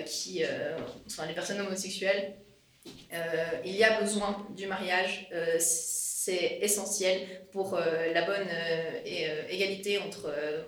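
A nineteen-year-old man with a Swiss French accent giving strong opinions in a roundtable, halting with fillers and laughing. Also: high-pitched, a bit bright. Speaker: youth group assistant leader. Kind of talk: casual roundtable discussion. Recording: roomy, distant mic, faint noise.

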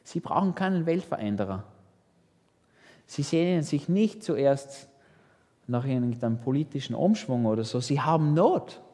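Lively man preaching in a hall. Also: a little high. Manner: lively preaching with rhetorical questions. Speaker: pastor. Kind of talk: sermon.

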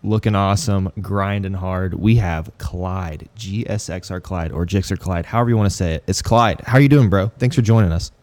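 A man hosting a casual gaming podcast, upbeat and quick to laugh, with rambling asides. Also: low-pitched, a little mellow. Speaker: podcast host.

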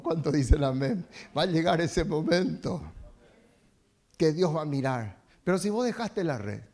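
High-voiced fervent preacher. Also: male voice, darkish tone. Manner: fervent, exhorting, rhetorical questions to the congregation. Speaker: pastor. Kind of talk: sermon.

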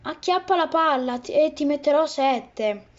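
An angry, indignant schoolboy, read by a woman who rises in pitch as he complains. The voice is high, and the recording is muffled and lo-fi. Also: expressive, a little slow.

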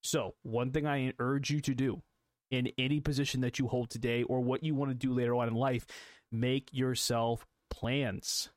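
A man's voice: mid-range voice, level tone, moderate pace, dry recording, clean studio sound. A young adult man hosting a solo motivational podcast, coaching listeners, repeating phrases and asking rhetorical questions. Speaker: podcast host.

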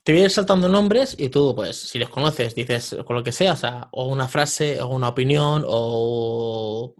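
A man's voice: medium pitch, a little slow. A man hosting a podcast and asking casual, chatty questions. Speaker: podcast host. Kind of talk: casual interview.

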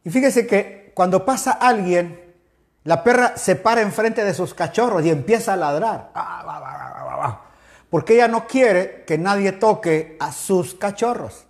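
A man's voice: sits high, animated, unhurried. A man from Ecuador preaching a sermon, fervent and addressing listeners directly with frequent exclamations.

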